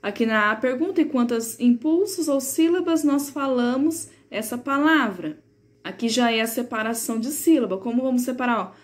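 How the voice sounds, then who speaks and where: Woman, third-grade teacher, patient and didactic, fairly high voice. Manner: patient and didactic, slows to sound out words. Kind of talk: recorded remote lesson explaining a textbook.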